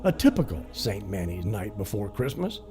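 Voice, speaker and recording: A man's voice: lowish voice, sing-song, normal speed. A man reciting a crude, cheeky comic verse parody as narrator, over music.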